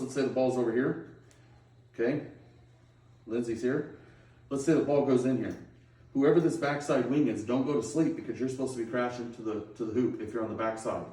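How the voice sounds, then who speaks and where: A middle-aged man coaching a team through a pregame pep talk, heard from a distance in a roomy, echoing space. His voice sits at an ordinary male pitch. He is plain-spoken and instructive, checking often that players follow. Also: a little mellow. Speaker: high school girls' basketball coach. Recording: roomy echo, distant microphone.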